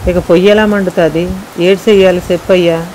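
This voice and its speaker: A woman's voice: on the low side, fairly even intonation, a little fast, darkish tone, natural voice. Anxious poor fisherwoman mom begging for help, woman narrator doing her, faint hiss behind. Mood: pleading. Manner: anxious pleading. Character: worried poor fisherwoman mother.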